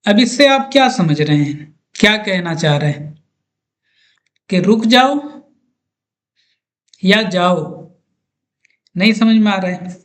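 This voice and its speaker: A man's voice: high voice, expressive, slow pace, pauses often. A man teaching an English grammar lesson, patiently talking through examples step by step.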